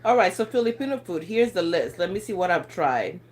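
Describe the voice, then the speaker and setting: Here a lifestyle host in her thirties chats on a phone livestream, reading viewer comments in a non-native English accent. Her pitch is fairly low and her tone darkish, and she talks a little fast with lots of animation. The chat is casual and rambling, full of laughter and stumbles.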